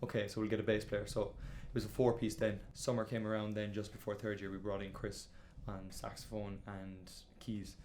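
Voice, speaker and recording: Fast-talking young Irish man, low flat voice. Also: a little hiss or hum. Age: 20s. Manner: rambling, full of fillers like "kinda" and "like". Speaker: band singer and guitarist. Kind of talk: casual documentary interview.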